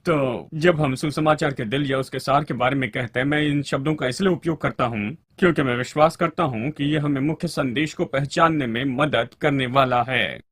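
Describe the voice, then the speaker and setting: A man's voice: medium pitch, normal speed, few pauses, fairly bright tone, no echo. A man preaching a sermon to a congregation and calling for amens along the way.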